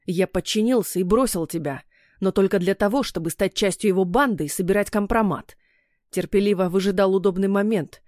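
A woman's voice: mid-range voice, brisk, a little mellow, no echo, clean studio sound, natural voice. Woman voicing a snarling angry young man. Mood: bitter. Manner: snarling, mocking. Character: menacing young male ex-fiancé, angry and bitter. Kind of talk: audiobook character voice.

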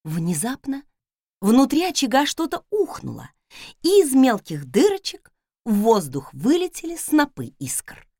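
A woman narrating a first-person fantasy audiobook in a lively, ironic storytelling manner. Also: sits high, unhurried, dry recording, clean studio sound. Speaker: audiobook reader.

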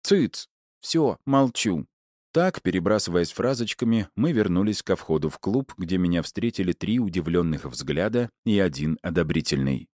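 Deep-voiced male audiobook narrator. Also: lively intonation, moderate pace, few pauses, darkish tone, dry recording, clean studio sound. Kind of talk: first-person fiction narration.

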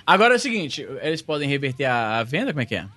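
Quick, bright-voiced Brazilian man asking questions. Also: a little high, big pitch swings, no room sound. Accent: Brazilian Portuguese. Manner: curious, questioning, slangy. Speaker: podcast co-host. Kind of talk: casual comedic chat.

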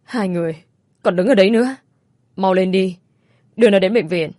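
A woman voicing a shrill, scolding older mother-in-law who shouts at her family. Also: expressive, fairly quick, no echo, studio quality, lightly acted.

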